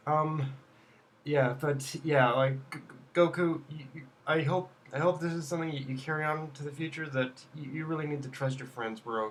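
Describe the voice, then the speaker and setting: A young man ranting through an anime episode review in a slightly high voice. He stumbles, repeats words and restarts sentences constantly, peppering it all with profanity. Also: a little hiss or hum. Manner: halting, stammering restarts, heavy swearing. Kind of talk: casual episode review rant.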